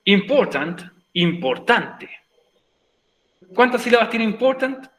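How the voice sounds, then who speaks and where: A Chilean male teacher guiding students through English grammar, repeating each word and question. His voice sits on the high side for a man. The room around him rings with a noticeable echo. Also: lively intonation, slow, a bit bright. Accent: Chilean Spanish. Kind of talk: recorded virtual class, explaining grammar in Spanish.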